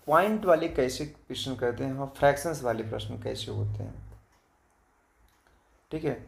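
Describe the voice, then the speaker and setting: Gravelly male math teacher. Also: mid-range voice. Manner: patient, repeats points and asks if it is understood; reads digits slowly one by one. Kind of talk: classroom lesson to children.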